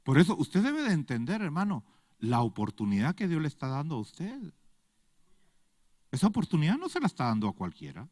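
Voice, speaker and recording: Male preacher, high animated voice, emphatic, quizzes the congregation; long church reverb. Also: a little fast, clean studio sound. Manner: emphatic, rhetorical questions to the congregation. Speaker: pastor. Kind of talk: sermon.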